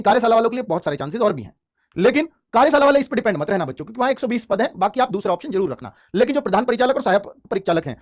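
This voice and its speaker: Speaking in a high pitch, a coaching teacher delivers an informal explainer lesson. He repeats himself emphatically and keeps checking in with his students.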